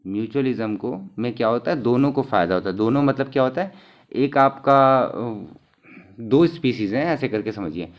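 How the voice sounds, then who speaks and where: A man's voice: medium pitch, expressive, moderate pace. A man, teaching exam material and answering his own questions, repeating each key term as he goes.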